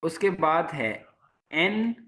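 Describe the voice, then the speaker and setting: A male teacher takes his class through the sounds one at a time. He speaks slowly in a fairly high voice and says each sound again and again until it sinks in. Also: sing-song, pushed and bright. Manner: patient, repeats each sound several times. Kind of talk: lecture to a class.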